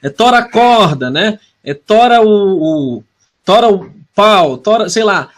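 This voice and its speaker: A man's voice: sits high, expressive, a little slow. A man in casual conversation, thoughtful and agreeable, explaining his points with examples.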